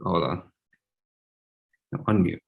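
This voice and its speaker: A man's voice: low-pitched, drawn-out words, phone-quality sound. A man co-hosting a podcast over a video call, checking his audio after the connection dropped. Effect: heard over a video call. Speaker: podcast co-host. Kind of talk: casual chat.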